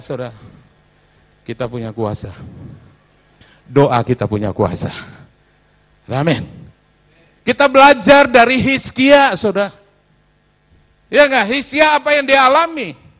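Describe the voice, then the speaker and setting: A middle-aged man, a pastor, preaching a sermon in a church, swinging between soft asides and loud exhortation. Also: high voice. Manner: laughs while telling anecdotes.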